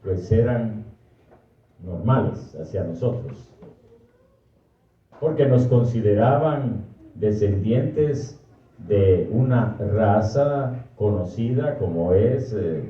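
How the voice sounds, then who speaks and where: An older man, a priest from Guatemala with a Guatemalan Spanish accent, giving a slow, thoughtful personal talk and often correcting himself. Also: mid-range voice. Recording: distant, echoey, muffled hall recording.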